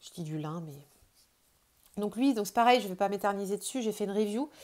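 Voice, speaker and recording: A woman's voice: medium pitch, animated, fairly quick, darkish tone. A woman with a French accent casually showing her tarot decks, chatty and hesitant, with many fillers and restarts. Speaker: tarot video host.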